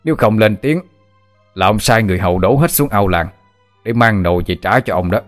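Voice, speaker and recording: A man's voice: lowish voice, expressive, fairly quick, soft background music, close to an everyday voice. A man voicing a sneering servant of a village tyrant who taunts and threatens the villagers. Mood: taunting.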